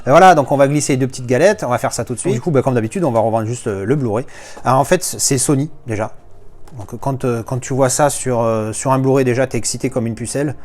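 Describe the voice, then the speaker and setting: A man's voice: mid-range voice, fast talker, darkish tone. A man from France chatting casually as he unboxes his latest movie discs, rambling with playful asides.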